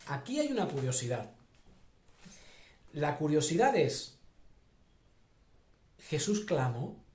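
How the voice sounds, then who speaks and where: A man's voice: a little high, sing-song, slow pace, a little mellow. A man preaching a sermon as pastor, thinking aloud with many fillers and restarts. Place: church hall. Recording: echoey church hall.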